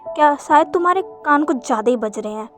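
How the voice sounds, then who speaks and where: A woman voicing a cheeky young male disciple in a fanfic story retelling, full of teasing, quick retorts. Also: high voice, expressive, faint music behind.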